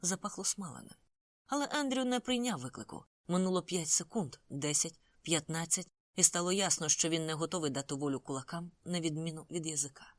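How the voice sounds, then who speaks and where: Steady audiobook narrator, dry close sound. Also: mid-range voice, brisk, dry recording. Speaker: audiobook reader. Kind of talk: first-person novel narration.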